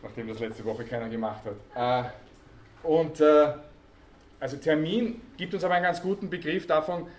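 A man's voice: on the high side, moderate pace, darkish tone. Man lecturing in an echoey hall. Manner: explains patiently, quizzes the class, many hesitation sounds. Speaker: university lecturer. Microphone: student recording from the audience. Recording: echoey hall, faint background noise.

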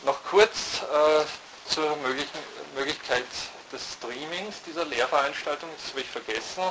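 A man lecturing at a university, thoughtful and halting, often restarting his sentences. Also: fairly high pitch. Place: lecture hall. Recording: noisy lecture hall recording.

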